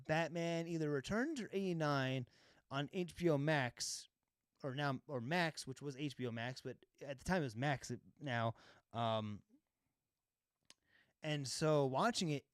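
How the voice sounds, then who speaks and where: This man's voice sits on the high side with a clean tone, recorded in studio quality with no echo. He's a filmmaker live-streaming his color grading, chatting casually and rambling with plenty of fillers. He swears now and then and laughs often.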